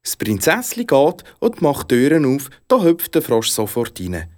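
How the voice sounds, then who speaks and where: Swiss german storyteller reading a fairy tale, super lively voice all over the place. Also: mid-range voice, moderate pace. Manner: expressive, animated.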